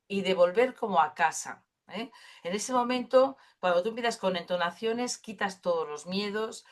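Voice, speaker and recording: Gentle woman teaching voice. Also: on the low side. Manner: gentle, thoughtful, many fillers and tag questions. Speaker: singing therapy teacher. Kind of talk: teaching a workshop module.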